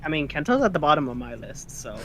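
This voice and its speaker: A calm, measured participant on a group call who lays out reasons patiently. The voice sits at a middling pitch, with faint noise behind. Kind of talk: casual chat on a call.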